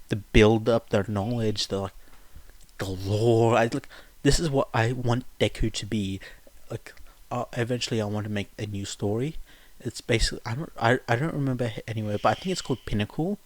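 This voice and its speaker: An amateur podfic reader with a fairly low voice speaks at normal speed, with no room sound. He narrates a story that includes sung verses, then chats with listeners in an informal, rambling, self-deprecating way.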